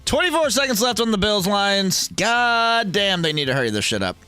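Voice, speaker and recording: Lively, bright-voiced man in his thirties. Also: sits high, normal speed, clean tone. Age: 30s. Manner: profane, joking banter with chat. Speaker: livestream host. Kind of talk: casual sports watch-along chat, reading viewer comments.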